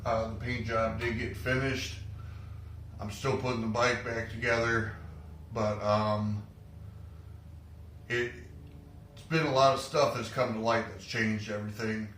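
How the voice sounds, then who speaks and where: A man hosting his garage channel, talking plainly and haltingly with fillers, audibly short of breath. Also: fairly low pitch, level tone, fairly bright tone, reverberant, recorded from a distance, slight background noise, poor audio. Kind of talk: casual vlog update. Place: home garage.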